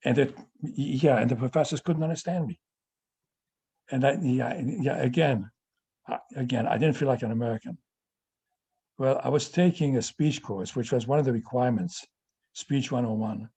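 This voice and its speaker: Here an octogenarian Frenchman, whose first language is French, responds to audience questions by recalling his own past. He speaks in a warm, husky, mid-range voice, pausing often, starting over, and padding with "yeah".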